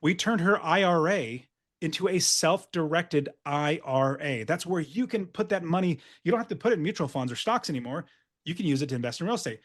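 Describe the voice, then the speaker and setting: A man's voice: fairly high pitch, animated, brisk. A man coaching real estate investors in an upbeat, emphatic webinar sales presentation.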